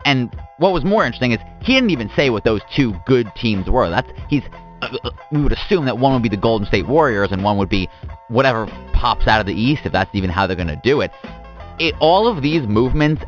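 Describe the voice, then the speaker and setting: A man's voice: medium pitch, fairly bright tone. A man co-hosting a casual sports talk show, giving emphatic opinions. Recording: dull lo-fi recording with faint music.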